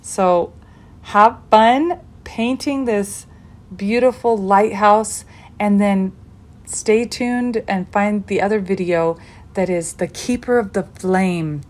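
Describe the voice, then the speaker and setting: A woman's voice: medium pitch, slow, a little mellow. Chatty woman teaching painting, echoey room. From United States. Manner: upbeat, chatty, encouraging. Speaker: art teacher. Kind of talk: painting tutorial voice-over.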